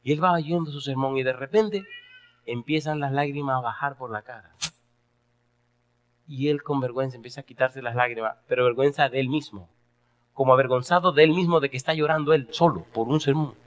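A man preaching a sermon to a church congregation, his voice sitting at a middle pitch. He tells stories with animation and often stops to ask his listeners questions. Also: a little fast, highs cut off. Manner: animated storytelling, asks the audience questions. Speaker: pastor.

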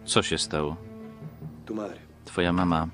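Male voice-over reader, extremely deep voice, even and detached, soap music behind. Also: takes it slowly. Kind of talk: flat Polish voice-over reading.

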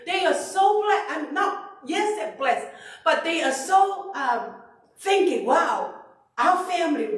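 A middle-aged woman from Tonga preaching a sermon into a handheld mic in a church sanctuary, animated and emphatic, often repeating herself. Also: high voice. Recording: echoey hall, far from the camera.

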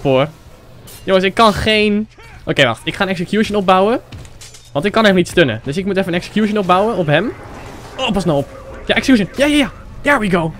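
An excitable young Dutch man gives casual let's-play commentary with a high, lively voice that jumps around a lot. He swears and shouts at the game as he plays. Faint game music plays behind him. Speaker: gaming YouTuber.

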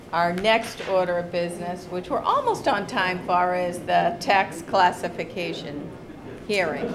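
A woman chairs a town board meeting, reading formal notices in a brisk, friendly way. Her voice sits a little low. A clear hiss of background noise runs under the meeting-room recording. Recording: roomy hall with steady noise.

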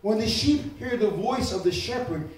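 High-voiced preacher in an echoey church. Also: male voice, animated, normal speed. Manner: swings from quiet talk to shouted preaching. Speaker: pastor. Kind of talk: sermon. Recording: echoey church room, mic far off.

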